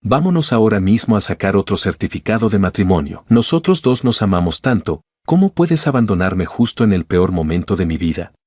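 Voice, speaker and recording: A man's voice: on the low side, sing-song, a little fast, few pauses, a little mellow, dry recording, studio quality. A man voicing a desperate, tearful young wife who pleads with her husband, read in a storybook narration. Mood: pleading.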